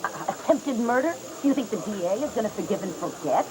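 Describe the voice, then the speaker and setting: A woman's voice: mid-range voice, expressive, brisk, noisy background, close to an everyday voice. An actress playing a cold, manipulative woman who threatens and belittles a younger woman in a soap opera. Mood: menacing. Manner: icy, condescending, threatening. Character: cold scheming manipulative woman, menacing and commanding. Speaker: scheming woman using a false name. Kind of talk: 1980s soap opera acting. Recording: TV soap audio with loud music.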